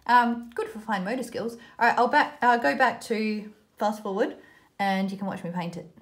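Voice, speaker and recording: At normal speed and in a steady, medium-pitched tone, the Australian host of a kids' craft video walks through a casual tutorial. She chats informally, thinks aloud as she goes, and makes light of herself along the way.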